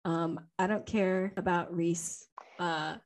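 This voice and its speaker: Speaking slowly in a lowish voice with fairly even intonation, a young woman from Louisiana recounts a story from memory while co-hosting a podcast. The talk is loose, unscripted and chatty, peppered with ums and laughter.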